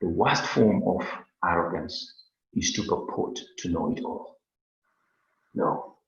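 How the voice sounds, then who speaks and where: A man's voice: low-pitched, expressive, slow pace. A man from Kenya with a Kenyan accent, giving an earnest webinar lesson and often repeating words as he searches for them. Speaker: webinar teacher. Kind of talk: lecture on a webinar. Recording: very echoey, dull lo-fi webinar audio.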